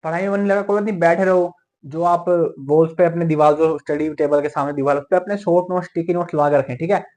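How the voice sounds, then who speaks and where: A young man giving a motivational talk to exam students, tagging nearly every point with a quick "theek hai". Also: on the high side, fairly even intonation, darkish tone. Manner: fast, repeats "theek hai" as a tag. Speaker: medical entrance exam mentor.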